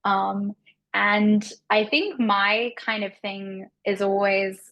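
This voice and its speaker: A woman's voice: mid-range voice, steady tone, slow pace, highs cut off. A woman, a researcher, talking in a workshop, musing and hesitant, with fillers and restarts. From Australia. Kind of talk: conversational workshop talk.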